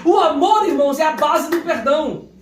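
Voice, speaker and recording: A Brazilian man with a Brazilian Portuguese accent preaching a sermon at a church service, emphatic, rising to shouts and quizzing the congregation. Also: very high-pitched, lively intonation, moderate pace. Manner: emphatic, rises to shouts, asks the congregation questions. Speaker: pastor preaching. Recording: echoey church from far off.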